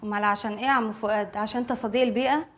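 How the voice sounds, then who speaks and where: A woman's voice: fairly high pitch, fairly even intonation, racing, a bit bright, lightly acted. An actress with an Egyptian accent playing a cheeky young cleaning woman who teases and mocks her employer. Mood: teasing. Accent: Egyptian Arabic.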